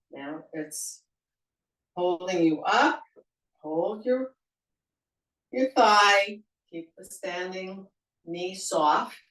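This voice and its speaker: A woman teaching a senior yoga class, giving slow, gentle cues and leading playful laughter exercises. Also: lowish voice. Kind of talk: guided exercise class instruction. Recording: echoey room, mic at a distance.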